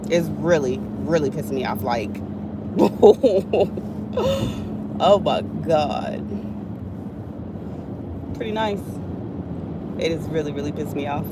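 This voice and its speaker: A woman's voice: sits low, lively intonation, fairly quick. Young woman, blunt and fed-up, cursing as she vents to camera from a car with road noise behind. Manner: frustrated, blunt, swears freely. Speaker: vlogger. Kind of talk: casual venting vlog.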